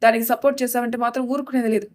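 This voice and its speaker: Woman reading impatient scolding husband, audio storybook, fairly high-pitched. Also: level tone, very fast, a little mellow, lightly acted. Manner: gruff, scolding, impatient orders. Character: brusque young husband, curt and scolding.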